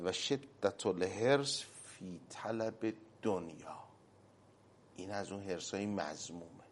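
Lower-pitched man preaching. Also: a little hiss or hum. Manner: preacherly, quoting Arabic phrases slowly with emphasis. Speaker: cleric. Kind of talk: religious talk on a program.

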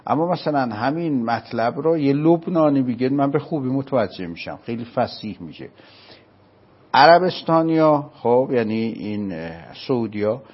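A man from Isfahan with an Isfahani accent, explaining a religious topic step by step and often asking whether it is clear. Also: medium pitch, lively intonation, lo-fi sound. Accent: Isfahani Persian. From Isfahan, Iran. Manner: patient, explaining step by step with checking questions. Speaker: religious scholar. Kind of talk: explanatory lecture in conversation.

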